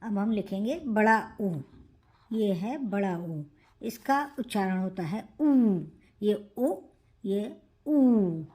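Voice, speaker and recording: A woman teaching Hindi pronunciation, saying each vowel sound slowly and repeating it. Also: medium pitch, animated, darkish tone. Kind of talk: pronunciation lesson.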